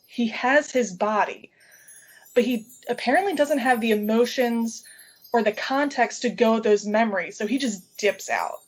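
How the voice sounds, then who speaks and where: A woman's voice: fairly high pitch, moderate pace, rough recording. A woman in a casual panel chat on a video call, thinking aloud about a show. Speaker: podcast panelist. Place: indoors at home on a video call.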